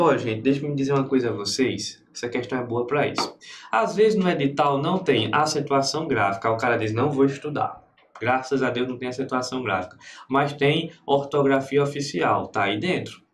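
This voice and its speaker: A man's voice: fairly high pitch, reverberant, a little hiss or hum. A Brazilian man teaching grammar for exam prep, who keeps answering his own students' questions. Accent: Brazilian Portuguese. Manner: lively, talks to himself as the student.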